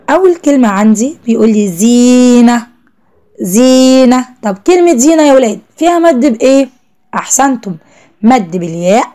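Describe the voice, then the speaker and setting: A young woman with an Egyptian Arabic accent teaches a first-grade class, praising the children often. Her voice sits fairly high but sounds mellow and soft-edged. She stretches out each word slowly when she spells it. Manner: drawn-out slow spelling of words, encouraging praise to children.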